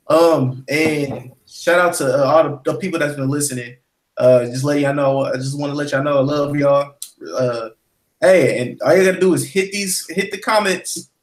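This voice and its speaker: A man co-hosting a podcast, rambling in a relaxed way with shout-outs and fillers in casual chat. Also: a little high, reverberant. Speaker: podcast co-host.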